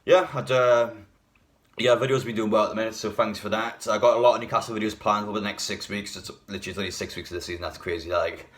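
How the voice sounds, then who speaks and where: A man's voice: fairly low pitch, steady tone, quick pace, fairly bright tone. A man, a bit hungover, giving a casual, blunt and rambling opinionated talk as a football fan video host.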